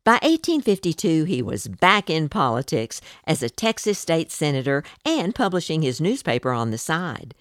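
A woman narrating a scripted history piece in a measured, deliberate reading. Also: deep voice, sing-song, no echo, clean studio sound.

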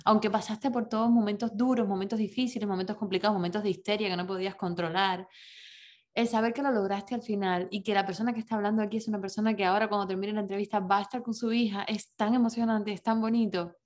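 A woman's voice: medium pitch, steady tone, quick pace, a little mellow. Woman hosting an interview podcast. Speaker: podcast host. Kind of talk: conversational interview.

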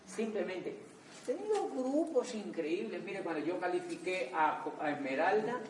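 A man with a Colombian accent, giving an animated motivational training talk as a network marketing trainer, telling stories with emphatic repetition. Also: high-pitched, normal speed, roomy sound, distant mic, slight background noise, low-quality recording. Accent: Colombian Spanish. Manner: animated, emphatic storyteller with repeated words.

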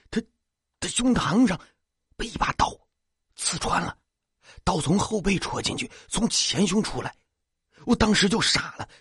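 Man putting on a jumpy stammering young man, higher voice, lively swings, husky edge. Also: no room sound, studio quality, exaggerated voice. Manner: stammering, repeating words. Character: jittery stammering young man, scared then boastful.

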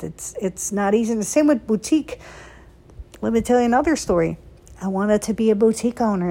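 A Dutch woman who owns a boutique hosts a solo social media chat in a mid-range, slightly mellow voice. She talks casually and emphatically, telling personal stories in short, punchy phrases.

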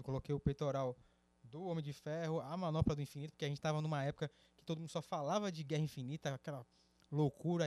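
A man co-hosting a podcast, telling a story in lively casual chat. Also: fairly high pitch, no room sound. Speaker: podcast co-host.

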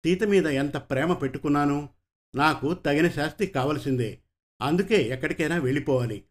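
Man reading hurt young boy, subdued, soft, storybook. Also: on the high side, normal speed, lightly acted.

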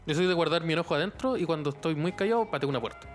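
A young Chilean man talks in a quick, tumbling rush and fills his stories with slang, often laughing between them. His voice sits a little high for a man, with faint music underneath. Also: lively intonation. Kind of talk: casual chat.

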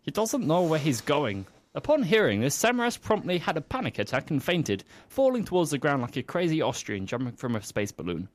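A man's voice: on the high side, very animated, fairly quick, hardly any pauses. A man telling a comic story with playful, teasing asides.

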